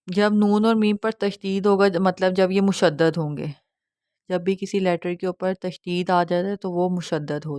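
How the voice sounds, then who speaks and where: A woman teacher explains recitation rules patiently and checks often that her listeners understand. Her voice sits a little low. The recording is close and dry, with no room sound. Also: a little mellow, dry recording. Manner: patient, explains step by step, often asks "theek hai?"; demonstrates nasal sounds slowly. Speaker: Quran tajweed teacher. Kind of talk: online lesson.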